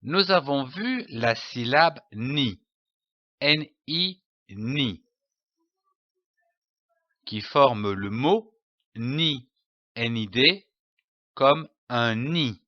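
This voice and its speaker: A man teaching children to read, slowly sounding out syllables and spelling letters one by one in a deliberate lesson voice. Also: medium pitch, expressive, no room sound, lo-fi sound. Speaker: reading teacher. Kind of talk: slow syllable-by-syllable reading lesson.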